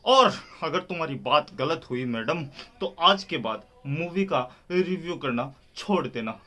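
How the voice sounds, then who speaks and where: A man's voice: fairly high pitch, animated, unhurried, pushed and bright. A man hosting a reaction video, mocking a film review in a heated, sarcastic way.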